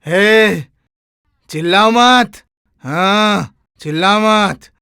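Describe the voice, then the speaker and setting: An actor playing a mocking, bossy elder brother in a Hindi film drama. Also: male voice, high voice, extremely slow, creaky, bright, forceful tone, clear, resonant tone, dry recording, clean studio sound, heavily acted. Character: scheming elder brother, mocking servant-loving master.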